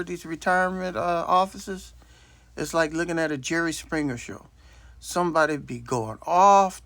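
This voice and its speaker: A man's voice: on the high side, a bit bright, dry recording. A man in his late sixties telling a rambling, blunt story as a casual monologue into his phone. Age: 60s. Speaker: vlogger. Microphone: self-recorded on a phone.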